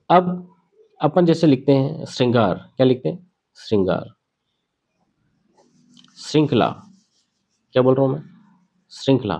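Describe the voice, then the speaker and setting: A man teaching a grammar lesson at a board. He asks questions and answers them himself, and he repeats key words slowly. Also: medium pitch, gravelly, mellow.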